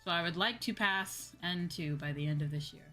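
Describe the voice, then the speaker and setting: Over background music, a VTuber livestream host talks in a chatty, giggly, casual way. She's a woman with a brisk delivery and a lowish, fairly bright voice.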